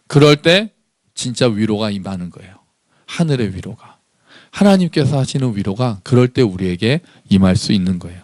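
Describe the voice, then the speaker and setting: A man's voice: medium pitch, no echo, clean studio sound. A male pastor preaching a Sunday sermon in church, asking the congregation questions and voicing anguished prayers. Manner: animated, acts out anguished prayers with rising voice.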